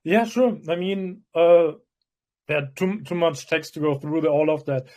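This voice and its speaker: A man from Germany, a crypto project founder, answering interview questions in a measured way with frequent restarts. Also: a little high, warm tone. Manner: measured, restarts often, plain explanatory tone.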